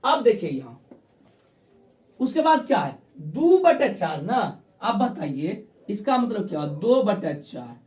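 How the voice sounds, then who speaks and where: A woman explains math in a bright, higher voice that swoops up and down, asking questions and answering them herself. She repeats each step for her viewers in a coaxing tone. The sound is roomy and echoey. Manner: repeats steps, asks and answers own questions; addresses viewers as friends, coaxing. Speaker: math teacher. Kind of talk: classroom-style tutorial to camera.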